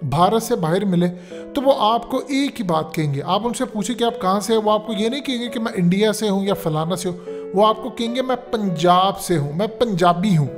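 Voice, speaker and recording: Male political commentator, pitched high, emphatic lecturing delivery, soft music bed. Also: expressive, normal speed. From Pakistan. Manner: emphatic, lecturing, repeats "dekhiye".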